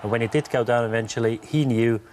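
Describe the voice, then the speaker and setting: A man's voice: medium pitch, noisy background. Man talking football analysis, many fillers. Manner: measured, thinking aloud with many fillers and restarts. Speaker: football pundit. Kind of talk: post-match analysis.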